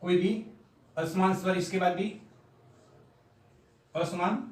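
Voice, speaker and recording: Slow, deliberate male teacher in an echoey room. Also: high voice, steady tone, far from the mic. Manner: slow, step-by-step explaining, repeating syllables aloud. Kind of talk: whiteboard grammar lesson.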